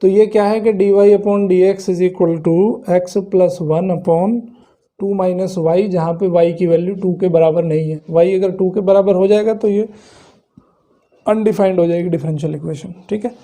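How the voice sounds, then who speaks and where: A man's voice: high voice, steady tone, normal speed, dark tone. A male math teacher giving a classroom lecture, explaining each step and asking then answering his own questions.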